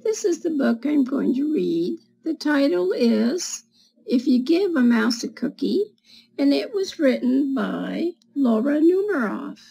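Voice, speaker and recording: Reading a picture book for young listeners, a woman in her seventies goes slowly and carefully, describing the illustrations and posing gentle questions. Her high, creaky voice is very animated. The rough recording comes from a webcam at desk distance in a small home room lined with bookshelves.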